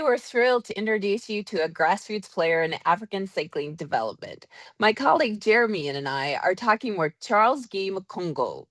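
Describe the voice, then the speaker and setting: A woman's voice: medium pitch, no room sound. A woman hosting a podcast, reading a polished, upbeat introduction and then interviewing her guest. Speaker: podcast host.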